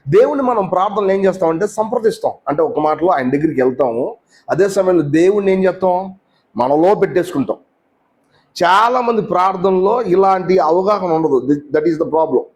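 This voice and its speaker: A man's voice: high voice, lively intonation, moderate pace, a little mellow. Man preaching in a conversational way. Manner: conversational, asks the listeners many questions; mixes in English words. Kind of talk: sermon teaching.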